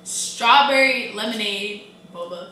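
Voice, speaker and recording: A young woman co-hosts a food vlog, chatting casually in a slangy, laid-back way with a mid-range voice at a slow pace. She's off-mic and distant in an echoey room, with background noise.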